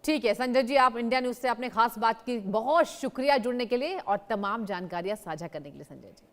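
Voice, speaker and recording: A woman TV news anchor asking an interview guest polite, measured questions in a formal style. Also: on the high side, expressive.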